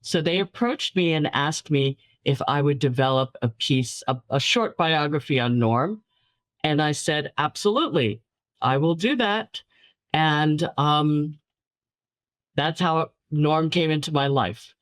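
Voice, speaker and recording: Telling stories warmly in a casual interview, a New York City filmmaker whose native language was Chinese repeats words for emphasis and laughs lightly. Her voice is low and a little slow, with no room sound.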